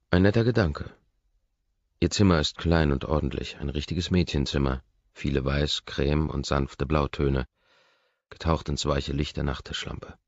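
A man narrating a first-person audiobook in a measured, softly intense manner. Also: very deep voice, no room sound, muffled recording.

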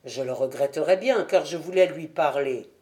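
Brief: woman playing a grave, quiet male detective, pitched down, unhurried. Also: lightly acted. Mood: diplomatic. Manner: measured and low. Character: calm, shrewd male detective.

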